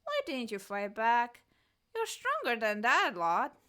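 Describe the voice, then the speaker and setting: A woman voicing a fierce, gruff old grandmother who is small but tough, speaking in a loud, rough, scolding way. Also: on the high side, wildly swooping pitch, takes it slowly, pitched above the performer's own voice, full character voice. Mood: tender.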